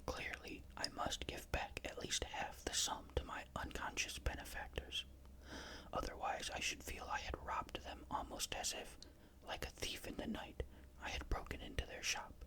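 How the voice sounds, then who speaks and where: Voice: normal speed, pushed and bright, rough recording. Whispered ghost story narration. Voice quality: unvoiced, breathy whisper.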